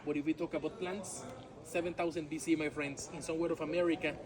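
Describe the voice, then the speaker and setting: Speaking English with a Mexican Spanish accent, a guide whose native tongue is Yucatec Maya leads a walking tour through outdoor ruins. His voice is fairly high and level, his pace fast, and he jokes around, laughing at his own humor and peppering talk with "my friends" and "all right?" over a tourist crowd.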